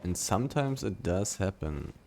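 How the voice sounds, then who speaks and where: A gaming video creator talks casually through his gameplay, thinking out loud and humming between comments. His voice is low, expressive and a little mellow, at a moderate pace, with slight background noise.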